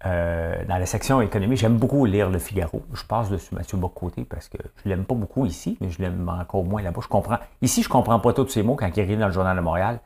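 Quebecois guy in his middle years rambling on the news, lowish voice, lots of jokes and "hein?". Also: fast talker, hardly any pauses, darkish tone. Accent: Québécois French. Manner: jokey, rambling, tags lines with "hein?". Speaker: commentator. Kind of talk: casual opinion monologue.

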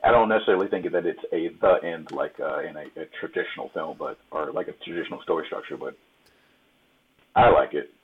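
A man with a very deep, husky voice muses about a film, often pausing to find the right words. He comes through a tinny, phone-like line. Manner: musing, searching for words. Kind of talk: casual film review chat.

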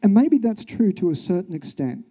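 A man's voice: high-pitched, big pitch swings, normal speed, dark tone. An Australian journalist, a man, telling his own story in an earnest, reflective way, with rhetorical questions. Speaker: journalist, speaker. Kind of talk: recounted personal story, public talk.

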